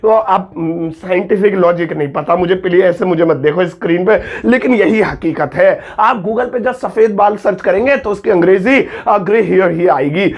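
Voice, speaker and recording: A young man from India, an English teacher, giving a joking Hindi-language lesson and saying example sentences slowly and carefully. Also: high voice, highs cut off. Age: young adult. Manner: jokey, teasing, slow over-enunciated example sentences.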